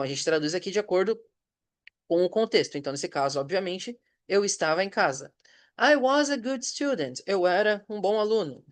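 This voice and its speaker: A Brazilian man who teaches English, giving a patient recorded review lesson. He reads example sentences slowly and checks in with short questions. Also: high-pitched. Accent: Brazilian Portuguese.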